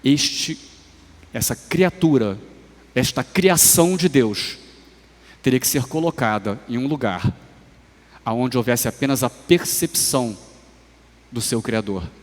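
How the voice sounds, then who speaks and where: A man with a Brazilian Portuguese accent preaching a sermon in a church. He speaks slowly and measuredly, rising to emphatic swells and then dropping to soft, low phrases. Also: lively intonation. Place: church sanctuary. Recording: livestream with long hall reverb.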